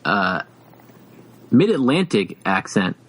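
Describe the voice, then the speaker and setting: On a rough recording, a man co-hosting a podcast chats casually in a fairly low, sing-song voice with a fairly bright tone and a breathy edge. His speech is halting, full of fillers and restarts, and he laughs often.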